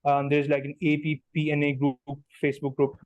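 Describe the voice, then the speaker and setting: A young man in his twenties with a Pakistani accent speaks in a fairly high voice, recorded dry with the highs cut off. He's a guest, a newly matched doctor, giving casual answers in a steady, measured way while slipping Urdu phrases into his English.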